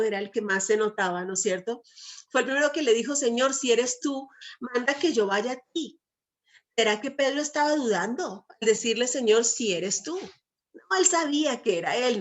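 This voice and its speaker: A woman preaching a sermon who keeps turning to her listeners with rhetorical questions and quotes scripture in a coaxing tone. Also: fairly high pitch. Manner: asks the audience frequent rhetorical questions.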